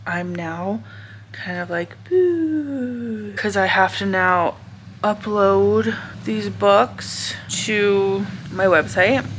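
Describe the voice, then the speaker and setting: A young woman chats through her day in a loose, rambling vlog, thinking out loud and circling back with fillers. Her voice is bright and clear. A faint hum of noise sits under her. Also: mid-range voice. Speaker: vlogger. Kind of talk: casual vlog chat.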